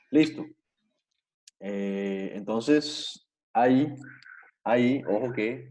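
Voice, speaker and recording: Guy teaching a language class online, mellow lowish voice, repeats stuff and keeps checking everyone's following. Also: highs cut off. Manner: patient, repetitive, checks understanding with frequent tag questions. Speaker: Portuguese teacher.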